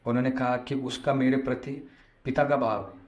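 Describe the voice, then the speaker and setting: Even-toned man preaching, in an echoey room. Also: mid-range voice, moderate pace. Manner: explanatory, repeats phrases for emphasis. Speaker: spiritual storyteller and preacher. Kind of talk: devotional discourse with parables.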